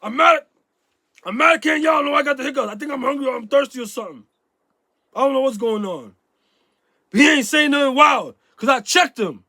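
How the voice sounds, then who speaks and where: A man with a stuffy nose chatting casually to his viewers, rambling with lots of restarts and fillers, and breaking into loud, emphatic outbursts. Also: extremely high pitch, lively intonation, brisk, creaky, pauses often, no echo, clean studio sound. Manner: bursts into loud emphatic yelling. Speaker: YouTube vlogger. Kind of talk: casual vlog chat to camera.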